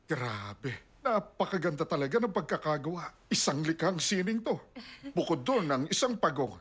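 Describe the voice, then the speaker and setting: A man's voice: fairly high pitch, big pitch swings, moderate pace, breathy edge. An actor dubbing a doting elderly grandfather who gushes with fond praise. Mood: delighted. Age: older. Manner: effusive, sighing praise. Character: doting elderly grandfather, warm and easily pleased. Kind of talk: Tagalog drama dub.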